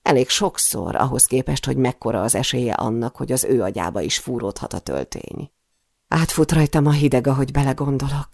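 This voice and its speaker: A woman's voice: a bass voice, expressive, a little mellow, no echo, studio quality. A woman narrating a first-person novel in a tense, intimate storytelling manner. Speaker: audiobook narrator.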